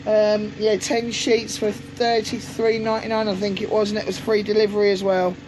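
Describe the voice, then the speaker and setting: An allotment vlogger, a woman whose voice is gruff from a sore throat, walks through her outdoor greenhouse on a tripod-mounted camera, chatting casually and rambling with many ums. Her mid-range voice is flat and moderately paced, while lawnmowers and traffic sound in the background.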